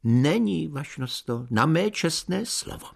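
A man's voice: fairly high pitch, expressive, vocal fry, voice pushed up, full character voice. A man reading aloud, voicing a cheeky, red-faced hotel waiter who is deferential but impudent toward a hungover guest. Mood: bantering. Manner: deferential yet impudent, addressing his guest as "vašnosto".

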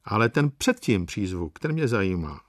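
A man voicing a huge, bearded, gruff Alaskan man with a booming, rumbling voice. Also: sing-song, dry recording, studio quality.

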